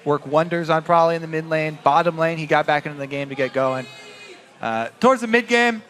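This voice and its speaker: Dude co-caster, slightly high voice, joking around, analyzing plays. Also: male voice, fairly quick. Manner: jokey, relaxed, analytical. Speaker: esports co-caster. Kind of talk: casual commentary banter.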